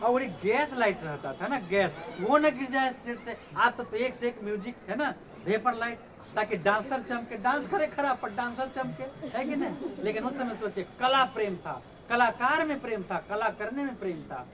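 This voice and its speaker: A man's voice: very high-pitched, expressive, normal speed, crowd noise. A male teacher giving a classroom lecture, explaining the lesson, asking students rhetorical questions and reciting verses. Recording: noisy classroom recording.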